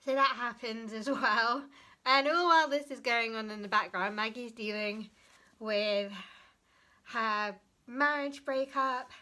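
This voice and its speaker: A woman's voice: a little high, unhurried, sharp tone. A young woman vlogger talking casually about a book she has read, chatty and often stopping to search for the right word or correct herself.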